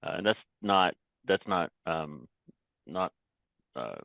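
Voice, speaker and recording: This podcast guest, a company founder from Canada, has a very low, creaky voice with lively intonation. He recounts his story in a halting, reflective way with many restarts and repeated words, heard over a thin, dry, close phone-like line.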